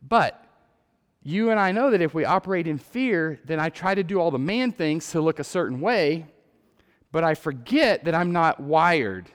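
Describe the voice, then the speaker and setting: A man with a Texan accent giving an earnest sermon-style testimony, repeating words and building to loud emphatic peaks. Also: a little high, expressive, moderate pace. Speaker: lay preacher. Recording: long hall reverb.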